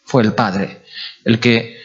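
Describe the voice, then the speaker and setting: A male pastor, preaching a sermon in an animated way and asking his congregation questions. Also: on the low side, slow. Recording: dull lo-fi recording.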